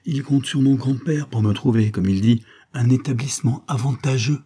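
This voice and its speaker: A man's voice: mid-range voice, lively intonation, moderate pace, dark tone, breathy edge. A man reading aloud and voicing a proud young woman who turns from mocking to angry. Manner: mocking, then angry and tearful.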